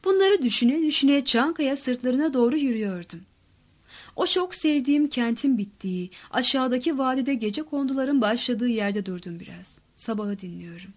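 A woman reading literary prose aloud in a soft, hushed narration that drops close to a whisper at times. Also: a little high, animated, moderate pace.

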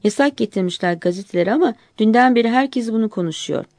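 A woman voicing a worried male friend who gives earnest, quick warnings in a story. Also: high voice, expressive, a little mellow, no room sound, clean studio sound. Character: worried man friend, grim about politics.

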